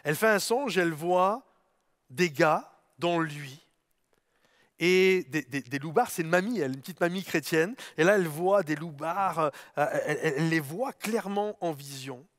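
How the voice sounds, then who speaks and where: A man's voice: a little high, moderate pace, a bit bright, no echo, clean studio sound. A man preaching a sermon, telling stories with fervor and speaking directly to his listeners. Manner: storytelling, fervent, addresses listeners directly. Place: streamed service, speaking to viewers.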